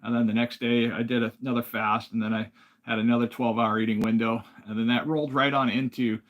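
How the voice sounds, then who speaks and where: Reading out viewer comments as he goes, this Alaskan livestream host talks in a loose, rambling, relaxed manner. His pitch is medium and his pace brisk.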